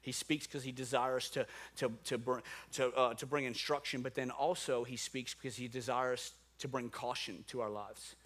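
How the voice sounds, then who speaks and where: A man's voice: mid-range voice, fairly even intonation, normal speed, few pauses, fairly bright tone. A man from New Orleans preaching a sermon as a pastor, with rhetorical questions and repetition. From New Orleans, USA.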